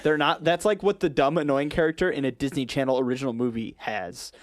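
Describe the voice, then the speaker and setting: A man co-hosting a podcast, speaking bluntly and opinionatedly with a joking edge. His pitch is ordinary and mid-range. He is recorded on a close, dry mic with no room sound. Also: fast, dry recording. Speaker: podcast co-host. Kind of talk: casual chat.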